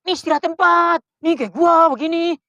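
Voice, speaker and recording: A man with a Betawi Indonesian accent playing an eager, fussy, excitable village guard recruit in a comedy sketch. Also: extremely high pitch, moderate pace, dry recording, muffled recording. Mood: bossy, agitated.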